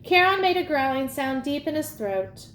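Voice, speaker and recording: Woman reading a kids novel aloud, high voice, roomy echo. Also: sing-song, moderate pace, fairly bright tone, slight background noise. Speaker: audiobook reader. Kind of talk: storybook narration. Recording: echoey room, faint ambience.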